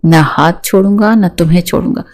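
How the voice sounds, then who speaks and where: A woman's voice: on the low side, darkish tone, close to an everyday voice. A woman voicing an angry, spiteful young husband who talks in a harsh, scornful, threatening way.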